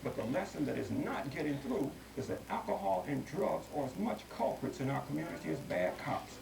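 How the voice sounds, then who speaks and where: A man's voice: mid-range voice, sing-song, vocal fry, reverberant, far from the mic, background noise. A man reading a pointed TV news commentary, heard as a broadcast recorded onto an old VHS tape. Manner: measured, pointed editorial delivery. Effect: TV broadcast taped on old VHS. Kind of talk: read commentary.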